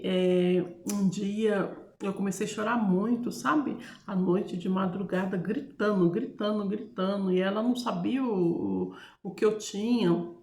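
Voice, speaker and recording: A woman's voice: mid-range voice, gravelly, reverberant. A woman with a Brazilian Portuguese accent telling a personal testimony in a chatty, hesitant way, often checking in with her listeners. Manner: chatty, keeps addressing listeners with tag questions; hesitant, restarts and searches for words. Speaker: storyteller sharing a personal testimony. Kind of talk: casual spoken testimony.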